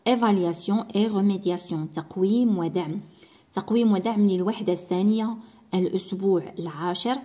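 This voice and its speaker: A woman with a Moroccan accent and a mid-range, slightly mellow voice teaches a primary school French lesson. She explains each point step by step, reading the French example sentences slowly and deliberately.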